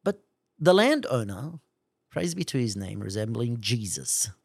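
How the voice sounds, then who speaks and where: A man preaching a sermon in an animated way, putting rhetorical questions to his listeners. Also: unhurried, gravelly, slightly rough, no room sound, clean studio sound. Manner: animated, swings pitch widely for emphasis.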